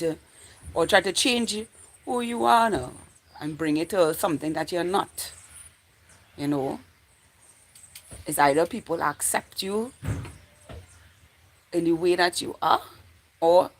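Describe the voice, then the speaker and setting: A Trinidadian woman in her forties hosts a livestream, chatting casually with viewers. Her voice is medium-pitched and fairly bright, and she rambles, repeating phrases as she thinks aloud.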